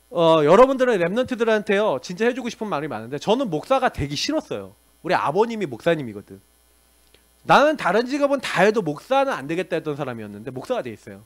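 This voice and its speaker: A middle-aged man preaching a sermon as a pastor, questioning his audience directly. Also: sits high.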